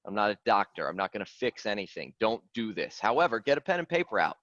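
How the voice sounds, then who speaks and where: A man, coaching clients on a video call in an earnest, animated way, stressing key phrases by repeating them. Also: on the low side, fast, no echo. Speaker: fitness coach. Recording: dry, dull lo-fi call audio.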